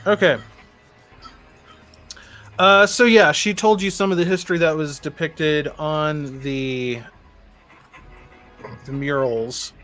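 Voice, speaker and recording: A man running a tabletop game as game master, narrating with many fillers and pauses. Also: fairly high pitch, steady tone, a bit bright, soft background music.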